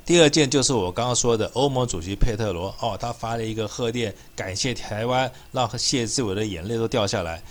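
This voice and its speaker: Fast, scornful man. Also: medium pitch. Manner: sarcastic, scornful, rising to heated outbursts. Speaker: political commentator. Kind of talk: mocking political monologue.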